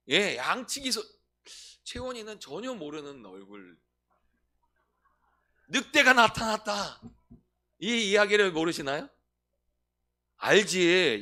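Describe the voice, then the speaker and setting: Animated high-voiced male pastor preaching. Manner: lively, questions the listeners and answers himself. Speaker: senior pastor. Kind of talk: sermon with questions to the congregation.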